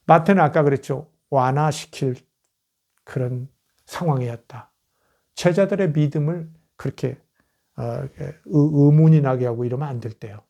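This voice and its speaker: A man's voice: mid-range voice, moderate pace, vocal fry, warm tone. A middle-aged man lecturing conversationally as a historian, posing rhetorical questions and acting out quoted verses.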